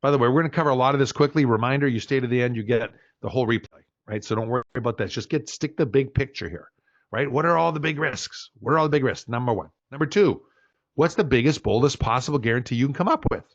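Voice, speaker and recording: A man's voice: medium pitch, fast talker, lo-fi sound. A man in his sixties giving a business workshop talk, telling stories and acting out voices with lots of energy. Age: 60s. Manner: animated storyteller, acts out voices. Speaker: business coach.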